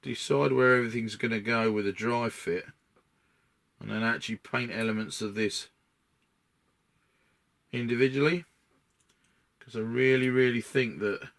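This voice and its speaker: A man's voice: mid-range voice, fairly even intonation, normal speed, creaky, long pauses, a bit bright. A man with an Essex accent talking casually through a model build, rambling as he thinks aloud. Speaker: hobby model-building video maker.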